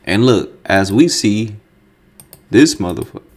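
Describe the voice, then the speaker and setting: A man giving a casual reaction commentary on a video. He is animated and incredulous, uses slang and swears often. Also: lowish voice, measured pace.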